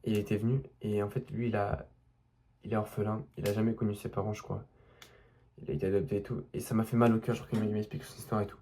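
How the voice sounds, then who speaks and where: A man's voice: on the low side, level tone, fast, warm tone, slight background noise. A young man from France telling a personal story in a rambling, unscripted way, full of restarts and asides to the listener. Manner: rambling, many restarts and fillers, addresses listener directly. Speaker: vlogger.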